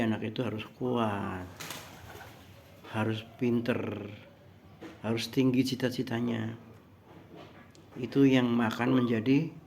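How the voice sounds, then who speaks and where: A man giving a moral lesson through a story, speaking slowly and deliberately and addressing his listeners as friends. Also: medium pitch, darkish tone, a little hiss or hum. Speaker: motivational speaker.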